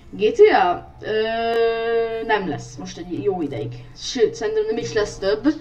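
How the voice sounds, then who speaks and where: A woman giving let's play commentary on a racing game, excitable and often shrieking at crashes, talking loudly into a poor microphone. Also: mid-range voice, dull audio. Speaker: gamer. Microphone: poor gaming mic, speaking loudly into it. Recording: distant mic with faint noise.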